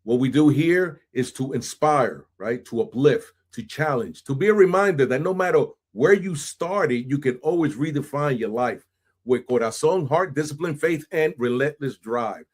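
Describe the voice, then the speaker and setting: New guy hosting a podcast, all hyped up, keeps saying "right?", middle pitch. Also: normal speed, husky. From New York City. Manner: energetic, hype, peppers speech with Spanish phrases and "right?". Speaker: podcast host. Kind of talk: animated podcast intro and interview.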